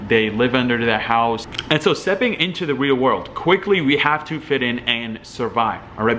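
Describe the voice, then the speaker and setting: The audio is dull with slight background noise as this young Algerian entrepreneur vlogger gives casual talking-head commentary. His mid-range voice is a bit bright, and he rambles, filling gaps and restarting often.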